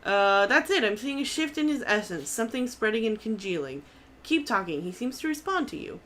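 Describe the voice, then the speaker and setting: A woman voicing a brisk, clinical female scholar who studies souls. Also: fairly high pitch, sing-song, fairly bright tone, a little hiss or hum.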